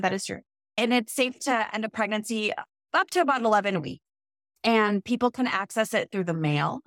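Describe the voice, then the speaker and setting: Woman, Minnesotan accent, low-ish voice, emphatic, podcast guest, dry sound. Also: no echo. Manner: firm, emphatic statements of fact. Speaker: advocate guest. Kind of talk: podcast conversation.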